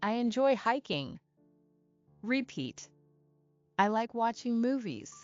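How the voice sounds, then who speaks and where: A woman teaching English to beginners in a slow, clear, deliberate scripted style, asking learners to repeat after her. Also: fairly high pitch, sing-song, no echo, dull audio, soft background music. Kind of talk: slow scripted lesson narration.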